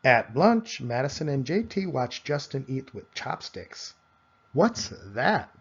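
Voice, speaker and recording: A man reading a children's picture book aloud in a measured, expressive storytelling manner. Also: medium pitch, highs cut off, slight background noise. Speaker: storybook reader.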